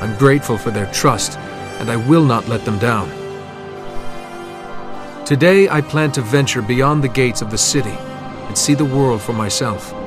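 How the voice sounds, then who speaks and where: A man's voice: mid-range voice, slow, long pauses, natural voice. An actor playing a young male noble hero in a video game cutscene, speaking solemnly over an orchestral score. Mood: resolute. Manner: earnest, solemn. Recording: music score under the voice.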